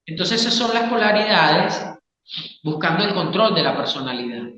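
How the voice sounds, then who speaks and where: A man's voice: high voice, lively intonation, normal speed, bright, forceful tone. A man, a psychologist explaining ideas in an interview and often checking in with the listener. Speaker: psychologist and Gestalt therapist, interview guest. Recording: echoey room, long reverb, dull sound.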